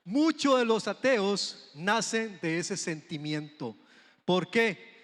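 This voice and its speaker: A man with a Costa Rican accent preaching a conversational sermon to his congregation, often checking in with quick questions. His voice sits high for a man. It rings with a long reverb from the church sanctuary. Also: lively intonation. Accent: Costa Rican Spanish.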